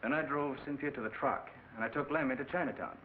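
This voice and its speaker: A man's voice: mid-range voice, fast talker, natural voice. An actor playing a hot-headed, desperate young accused man, in 1940s crime film style. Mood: defensive, tense. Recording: tinny, hissy old film soundtrack.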